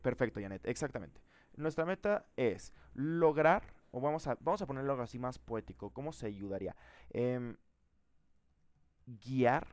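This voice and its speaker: Gravelly man teaching a class. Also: mid-range voice, a little mellow, no room sound. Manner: thinks aloud, quizzes the class, frequent "¿va?". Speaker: programming teacher. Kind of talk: live class lecture.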